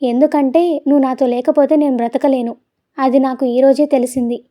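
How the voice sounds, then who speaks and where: An impulsive young woman in love pleads earnestly, voiced by a woman narrator. Her voice sits high and soft-edged. She sounds like a storybook heroine. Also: steady tone, a little fast, close to an everyday voice. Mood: tearful.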